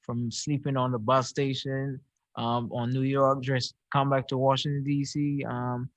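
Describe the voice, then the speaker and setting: A young man with a Barbadian accent, a professional boxer answering press questions on a video call, halting and repeating words as he searches for them. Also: mid-range voice, level tone, no room sound. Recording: dry, slightly dull video-call audio.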